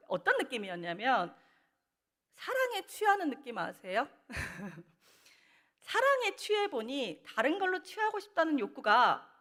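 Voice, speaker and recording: A woman's voice: on the high side, fairly bright tone. A middle-aged woman speaking as a guest at a church prayer meeting, telling a personal testimony and acting out her past words, laughing and tearful. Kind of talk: testimony talk. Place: church sanctuary.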